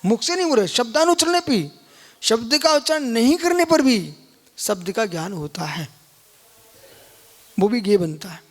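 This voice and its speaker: A man's voice: extremely high pitch, moderate pace, pauses often. A man, a Jain monk, giving a live scripture lecture and keep prodding listeners with questions. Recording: long hall reverb.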